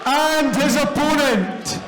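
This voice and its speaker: Booming, stretched-out ring announcer, a man. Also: slow. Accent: Scottish. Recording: announcer over loud music and crowd in a hall.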